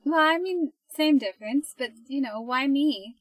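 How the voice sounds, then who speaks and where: A woman's voice: sits high, a little slow, dry recording, low-quality recording. A young woman co-hosting a podcast, chatting in a casual, teasing way and laughing often. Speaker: podcast co-host.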